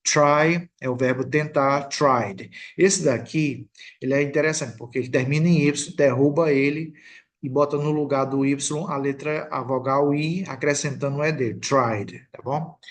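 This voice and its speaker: A man's voice: on the high side, fairly even intonation. Patient Brazilian man teaching English grammar. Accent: Brazilian Portuguese. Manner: slow, patient explaining with frequent "tá bom?" check-ins. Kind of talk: recorded video lesson.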